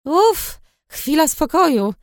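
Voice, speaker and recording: An easygoing young barman in a storybook reading, voiced by a woman who keeps close to her own voice. He sounds playful and relaxed, and teases a little. The sound is dry and close. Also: a little high, moderate pace, smooth, no echo, pitched above the performer's own voice. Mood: friendly. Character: friendly young male barman.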